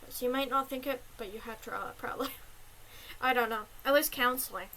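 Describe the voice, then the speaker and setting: A woman's voice: high voice, fast talker, sharp tone, a little hiss or hum, low-quality recording. A young woman streamer chatting casually and giving advice, rambling with lots of ums and little giggles. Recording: clear background music. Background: music.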